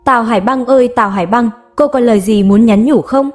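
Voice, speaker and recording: A woman voicing a smug young woman star who mocks her rival in an unhurried, smiling way. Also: fairly high pitch, faint music behind, close to an everyday voice. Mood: cold.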